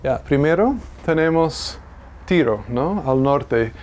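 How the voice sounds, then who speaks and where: A man's voice: on the high side, expressive, slow, darkish tone, slight background noise. A man teaching a classroom Bible lesson, thinking aloud, correcting himself and asking the class questions.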